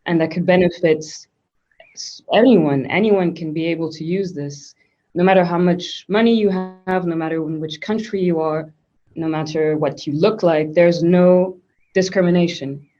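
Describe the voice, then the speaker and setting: A woman's voice: on the low side, normal speed, warm tone. A woman from Switzerland, a guest in a conversational interview, talking thoughtfully with frequent restarts. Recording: dull lo-fi sound.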